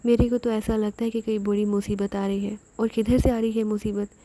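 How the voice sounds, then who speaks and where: A woman's voice: medium pitch, little pitch movement, dark tone, lightly acted. A woman voicing a poor male servant who asks anxiously what is happening. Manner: anxious, pleading.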